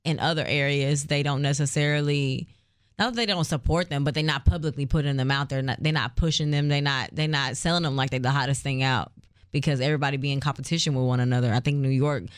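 A man's voice: a little high, steady tone, fairly quick, smooth, no room sound, clean studio sound. A man explaining his view at length in casual chat.

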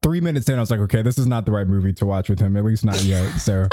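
A man's voice: fairly low pitch, quick pace, mellow, no echo, clean studio sound. A man co-hosting a podcast, giving casual, conversational advice and often checking in with the listener. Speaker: podcast co-host.

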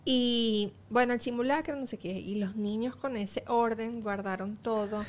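A woman, a guest in a casual chat, easygoing and soft-spoken as she tells stories. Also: on the high side, fairly even intonation, unhurried.

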